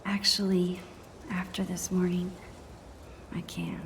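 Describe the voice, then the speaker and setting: An actress voicing a quiet, thoughtful teenage girl in a video game, speaking in a soft, hushed inner-thought manner. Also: on the low side, flat delivery, slow, a little hiss or hum. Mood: wistful.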